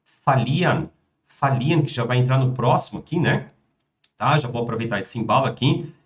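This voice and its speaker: A Brazilian man teaching German live online. His voice is mid-pitched and patient, and he models each word slowly with frequent "tá?" checks. The recording has a noticeable roomy echo. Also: lively intonation. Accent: Brazilian Portuguese. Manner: repeats German words slowly and clearly, with frequent "tá?" and "né?". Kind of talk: live online language lesson.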